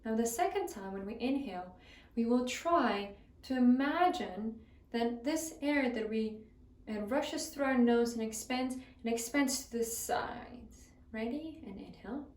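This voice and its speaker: Higher-voiced woman teaching singing, roomy sound. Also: unhurried, a little mellow, recorded from a distance. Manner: friendly instructive, guides exercises step by step. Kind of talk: vocal lesson.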